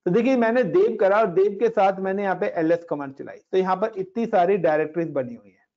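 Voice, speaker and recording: A fast-talking man with a high, darkish voice teaches Linux commands in a casual screen-share class. Chatty and hands-on, he talks students through each step and slips English words into his speech, all captured in a dull lo-fi recording.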